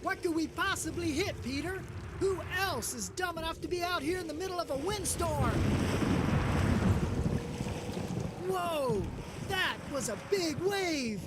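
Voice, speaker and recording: An earnest, excitable puppet disciple acted out by a performer speaks in an extremely high voice. The lines are exclamatory puppet show dialogue, captured in a noisy live recording. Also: moderate pace.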